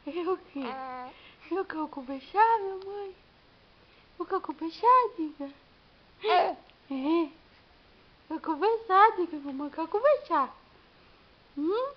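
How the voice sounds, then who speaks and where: A woman's voice: very high voice, expressive, takes it slowly, pauses often. A young Brazilian mother talks to her baby in coaxing, sing-song baby talk and keeps repeating short phrases. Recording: dull lo-fi home recording.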